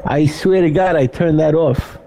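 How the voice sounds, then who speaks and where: A man's voice: a little high, moderate pace, warm tone. A man with a Brooklyn accent chatting casually as a radio host, blunt and joking, saying "you know" often, over a noisy voice channel. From Brooklyn, New York. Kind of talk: casual chat.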